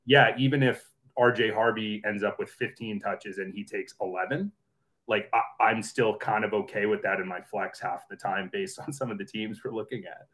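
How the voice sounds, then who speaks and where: A man's voice: on the low side, fairly even intonation, moderate pace, a bit bright. A man in a casual sports podcast chat, rambling and restarting his sentences as he makes his case. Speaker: podcast panelist.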